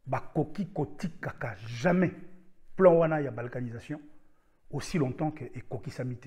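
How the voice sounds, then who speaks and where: Husky man giving a fiery address. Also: fairly high pitch. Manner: emphatic, repetitive rallying delivery with sudden loud bursts. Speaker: political speaker addressing followers. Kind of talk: impassioned political address.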